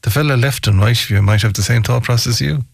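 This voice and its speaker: A man's voice: medium pitch, quick pace, gravelly, breathy edge, no room sound, clean studio sound. A man with a west of Ireland accent hosting a conversational local radio interview, chatty and given to listing examples in repeated phrasing.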